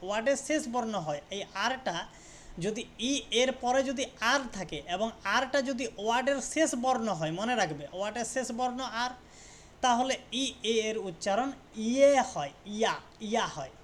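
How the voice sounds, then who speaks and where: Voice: mid-range voice, expressive. Teacher drilling pronunciation rules, faint hiss. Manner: repetitive, checks understanding with frequent questions; self-correcting, pauses to fix mistakes. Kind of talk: classroom lesson explaining spelling rules.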